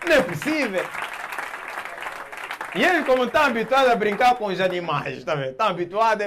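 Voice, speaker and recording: A man doing stand-up comedy, animated and laughing often with loud exclamations. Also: high-pitched, a little fast, crowd noise, background noise.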